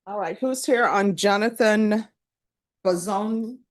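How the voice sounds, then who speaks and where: A woman judge presiding in a courtroom, running through formal legal admonishments in a brisk, practiced way. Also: mid-range voice. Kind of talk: courtroom proceedings.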